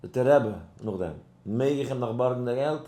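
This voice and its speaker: A rabbi giving a Torah class, telling a story and acting out its dialogue, halting with many restarts and mixing in English words. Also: male voice, reverberant. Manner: animated, acts out dialogue in the story with sudden high pitch jumps; mixes English words into Yiddish speech.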